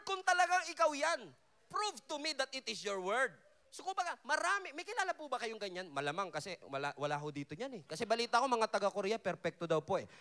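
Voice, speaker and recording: A male pastor from the Philippines delivers an energetic sermon, his bright voice sitting high and leaping across a wide range. He teases the congregation, then sinks to a hushed, low delivery for quoted words. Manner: animated preaching, drops low and soft for quoted lines, jokes with the crowd. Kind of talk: Taglish sermon at a worship festival. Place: large hall at a worship event.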